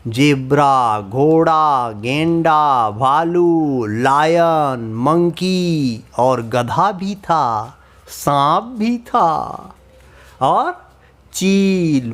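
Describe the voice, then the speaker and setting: Slow sing-song man telling a kids' story. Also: fairly high pitch. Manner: asks the children questions, sing-song. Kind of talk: children's story narration.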